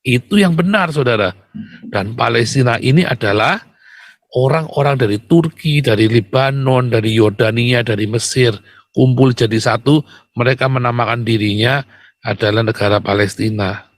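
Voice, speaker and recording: A man delivering an impassioned, combative monologue to his viewers. He keeps calling them brothers and sharply jumps up in pitch whenever he makes a point. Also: normal speed, dry recording. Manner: emphatic and combative, keeps addressing listeners as brothers.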